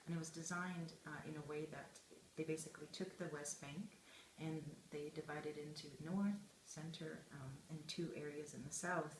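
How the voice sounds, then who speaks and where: Young woman, low pitch, reflective interviewee, pausing as she thinks; echoey room. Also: a little mellow. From Israel, of Russian immigrant background. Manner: thoughtful, deliberate, pausing mid-phrase. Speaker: interviewed journalist and film student. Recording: echoey room with faint background noise.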